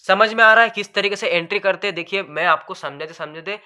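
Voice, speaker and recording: A man explaining trading charts in a rapid, nonstop lesson, says his throat goes dry, calls viewers brother. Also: sits high, bright, forceful tone. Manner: fast, talks continuously without pause; addresses viewers as bhai sahab. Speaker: trading educator. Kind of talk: screen-share chart lesson.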